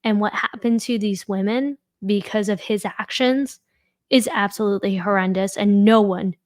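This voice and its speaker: A woman's voice: mid-range voice, moderate pace, no echo, clean studio sound. A woman giving casual, opinionated true crime commentary in a blunt, emphatic way.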